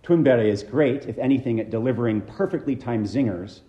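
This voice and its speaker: A man preaching a measured, reflective sermon as a minister, his phrases trailing off low at the ends. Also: reverberant, muffled recording.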